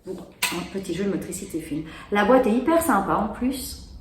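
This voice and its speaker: A woman's voice: mid-range voice, expressive, normal speed. A woman casually presenting and demonstrating children's board games, explaining as she plays. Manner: chatty, explaining while playing. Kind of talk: casual product demo. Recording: echoey room with faint noise.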